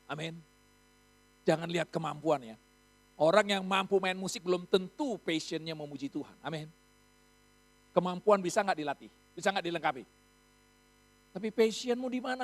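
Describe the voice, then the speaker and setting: A man from Indonesia preaching a sermon in a church, quizzing the congregation and swelling to loud emphatic peaks. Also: on the high side. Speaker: pastor. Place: church hall.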